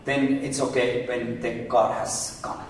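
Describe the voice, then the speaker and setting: A man from the building staff, explaining a problem in halting, simple English while standing in a gallery room. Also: mid-range voice, little pitch movement, far from the mic, a little hiss or hum. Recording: echoey room, heard from off mic.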